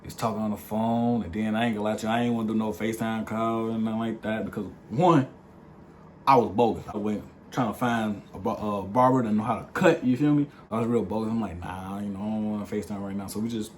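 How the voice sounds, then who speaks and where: A young man casually telling the story of how he met his partner, in a playful, slangy, animated way. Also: on the low side, quick pace, slight background noise. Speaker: vlog co-host.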